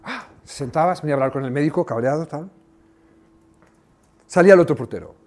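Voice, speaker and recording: A man, a former coach giving a motivational talk, telling lively anecdotes with sound effects. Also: on the high side, fast. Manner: animated storytelling with sound effects.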